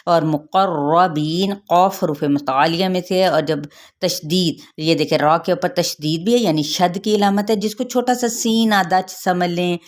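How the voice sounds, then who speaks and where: Low-voiced woman, a patient Quran recitation teacher who explains the rules and then slows down to recite. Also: steady tone. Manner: patient, repeats rules, checks with "theek hai".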